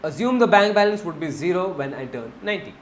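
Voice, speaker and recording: A man's voice: sits high, big pitch swings, fast, roomy sound, slight background noise. A man with an Indian accent teaching a finance class, mixing Hindi into his English, repeating key points and asking the class questions.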